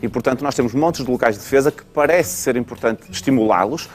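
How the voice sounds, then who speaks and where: A man with a European Portuguese accent speaks as a pediatrician guest on a talk show. He explains things calmly and steadily, with frequent fillers and restarts. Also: medium pitch, fast talker.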